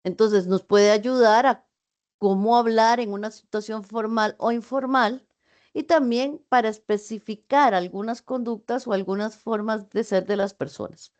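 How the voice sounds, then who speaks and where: A woman's voice: on the high side, fairly even intonation, a little slow, darkish tone. Female lecturer, online class, explanatory delivery with hesitant fillers and self-corrections. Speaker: university teacher.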